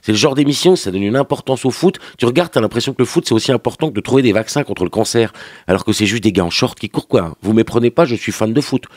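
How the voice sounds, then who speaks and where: A man's voice: medium pitch, animated, fast, a little mellow, no room sound, clean studio sound. A man with a French accent delivering a sarcastic, slangy TV review as a morning radio columnist. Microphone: studio microphone.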